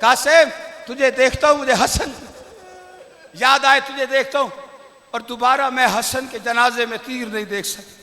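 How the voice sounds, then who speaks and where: A sorrowful revered uncle, speaking with hushed grief, as a man preaching puts him on. The voice is high and bright and rings in a long hall echo. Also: steady tone, normal speed, pauses often. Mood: grieving. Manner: sorrowful, hushed then crying out. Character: grieving elderly uncle, a revered imam.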